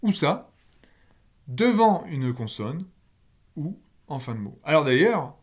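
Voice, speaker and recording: A man's voice: on the high side, big pitch swings, takes it slowly. A man teaching a recorded linguistics lecture, blunt and emphatic, with casual asides and key words drawn out for stress.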